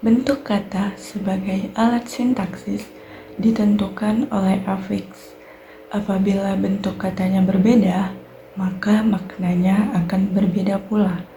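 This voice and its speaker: A young woman with an Indonesian accent, a university student giving a clear, methodical recorded class presentation on sentence structure. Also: medium pitch, little pitch movement, a little slow, mellow, a little hiss or hum. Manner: clear explanatory delivery, fillers like "nah" and "baik".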